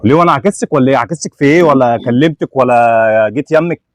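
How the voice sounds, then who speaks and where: A man's voice: mid-range voice, rapid-fire, dry recording, natural voice. An actor playing a greedy son who schemes against his mother, with an Egyptian accent and a falsely sweet, sly manner. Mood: defensive.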